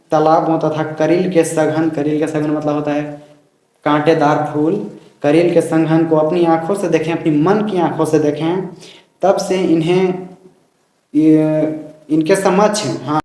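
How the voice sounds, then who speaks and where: A man teaching a poetry lesson in a casual, chatty way, slowly reciting verses and explaining them line by line. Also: fairly high pitch, a little mellow. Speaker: coaching teacher. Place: home room, dog barking outside. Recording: echoey room.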